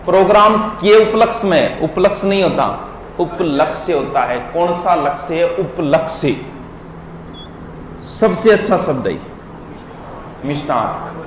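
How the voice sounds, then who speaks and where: Male teacher, high-pitched, lecturing and quizzing listeners; echoey hall, faint background noise. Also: animated, a little slow. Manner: drills words syllable by syllable, quizzes listeners. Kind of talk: classroom lecture.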